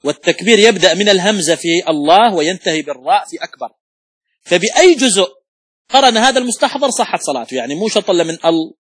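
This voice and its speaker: A sheikh gives a religious law lesson in a husky voice that sits a little higher than most men's. He works step by step through examples and sounds out correct and wrong pronunciations. The recording is dry and close, with no room sound. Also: lively intonation, racing, a bit bright, dry recording. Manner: methodical, explains rules through worked examples and repetition; occasional coughs and throat clearing. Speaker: sheikh teaching Islamic law.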